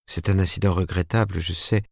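A man's voice: low voice, fairly even intonation, a little fast, creaky, darkish tone, dry recording, clean studio sound. A man reading the part of an earnest, lovestruck young woman in an audiobook, tremulous and pleading.

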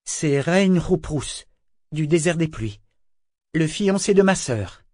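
A man's voice: a little high, lively intonation, slow pace, darkish tone, dry recording, studio quality, voice pushed up. A man voicing an earnest, astonished young man in a story.

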